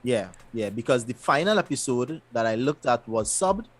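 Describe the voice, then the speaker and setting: A man, co-hosting a casual show recap and retelling scenes in an animated way. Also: mid-range voice, normal speed. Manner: animated, loose storytelling with repeated restarts. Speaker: podcast co-host.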